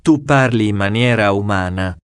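A man voicing the calm ghost of a young woman in a read-aloud story, speaking slowly and solemnly. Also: lowish voice, clear, resonant tone, no room sound, studio quality, close to an everyday voice. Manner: slow, quiet and solemn.

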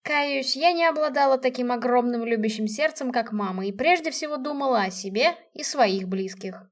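A woman narrating a first-person story in a lively, expressive way. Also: fairly high pitch, normal speed. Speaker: audiobook narrator.

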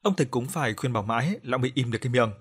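A man's voice: medium pitch, animated, racing, fairly bright tone, breathy edge. A male audiobook narrator telling a story in a colloquial way, breaking in with scornful, cursing asides.

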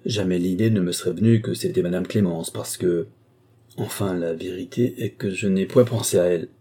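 Here a man with a low, mellow, slightly rough voice and moderate pace performs an audiobook role. The character is an adult male valet, sly and deferential, who rambles on in a ceremonious manner.

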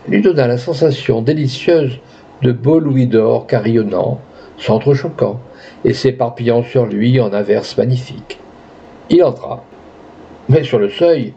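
A man narrating a classic tale aloud in an expressive storytelling manner. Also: mid-range voice, husky, dull audio. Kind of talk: audiobook reading of a classic tale.

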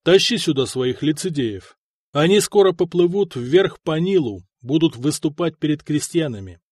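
A man voicing a calm, curt male leader. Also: fairly high pitch, breathy edge, no room sound, studio quality. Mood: cool. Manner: measured, curt. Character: calm, thoughtful male leader, cold and decisive.

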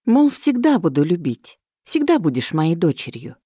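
A woman doing a gruff, scornful father. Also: fairly low pitch, big pitch swings, moderate pace, mellow, dry recording, clean studio sound. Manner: gruff, grumbling and sarcastic. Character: irritable middle-aged father, curt and mocking.

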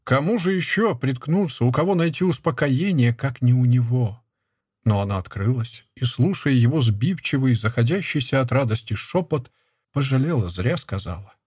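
Husky-voiced male audiobook narrator. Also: mid-range voice, lively intonation, normal speed, a little mellow, no room sound, clean studio sound.

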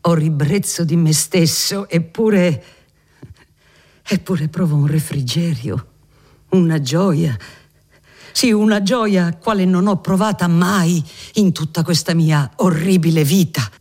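A man voicing a once-violent nobleman, now remorseful, crying out in slow, wrought exclamations. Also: on the high side, a little mellow, pitched above the performer's own voice.

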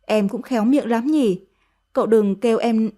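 A woman's voice: fairly high pitch, normal speed, dark tone, close to an everyday voice. A woman voicing a spoiled young master who answers in short, offhand lines. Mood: curt.

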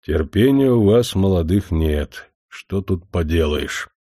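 A man voicing a stern, weary old village grandfather who grumbles in gruff, folksy speech. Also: mid-range voice, animated, measured pace, mellow, no echo, studio quality.

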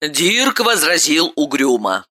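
Woman reading a fantasy story, slow and lively, bright voice. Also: low voice. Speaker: narrator. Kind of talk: storybook narration.

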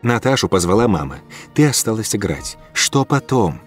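A man's voice: fairly low pitch, big pitch swings, normal speed, soft background music. A man voicing a blunt, weary woman who questions a ghost, in an audiobook reading. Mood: pressing. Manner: insistent, pushy questioning.

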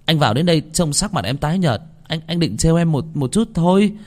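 A man's voice: low-pitched, lively intonation, normal speed, breathy edge. A man voicing a teasing young boyfriend who coaxes and pleads. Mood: pleading. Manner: coaxing, soft then pleading.

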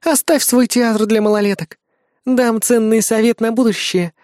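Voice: mid-range voice, steady tone, moderate pace, a little mellow, no room sound, clean studio sound, voice pushed up, close to an everyday voice. Vika, a reader doing a taunting young woman.

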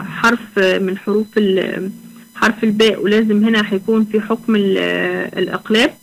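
A woman's voice: mid-range voice, a bit bright, low-quality recording. Patient Egyptian woman teaching recitation. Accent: Egyptian Arabic. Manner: patient, asks questions then answers them, drawls example words slowly. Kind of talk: online tajweed lesson.

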